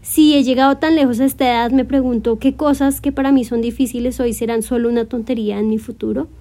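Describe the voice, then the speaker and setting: A woman in her twenties hosting a solo podcast, speaking gently and encouragingly straight to her listener in a reflective monologue. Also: on the high side, fairly even intonation, fast talker. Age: 20s. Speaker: podcast host.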